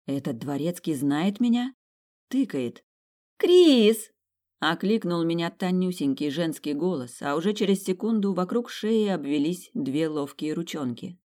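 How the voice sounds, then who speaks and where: A woman reads an audiobook aloud, telling a story in the first person. Her storytelling is wry and lively. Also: fairly low pitch, moderate pace, few pauses. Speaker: audiobook reader. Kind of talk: first-person narration of a fantasy romance.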